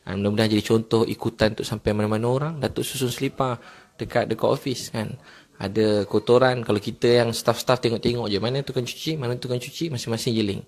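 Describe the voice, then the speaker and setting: A man giving a religious talk, telling personal stories quickly and filling pauses with a short "ha". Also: mid-range voice, fairly even intonation, a little mellow. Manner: quick storytelling with many filler "ha"s. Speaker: Islamic preacher.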